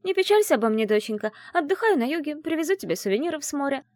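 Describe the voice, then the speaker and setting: A woman's voice: sits high, lively intonation, racing, a little mellow, dry recording, clean studio sound, pitched above the performer's own voice. A woman voicing a teasing young witch friend in an audiobook, in a playful, mocking manner. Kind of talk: audiobook character voice.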